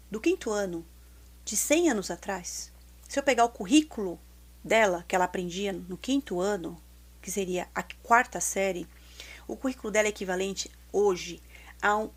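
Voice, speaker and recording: A woman's voice: mid-range voice, slightly rough. A woman teacher with a Brazilian Portuguese accent, giving casual, emphatic advice to parents and repeating her key points.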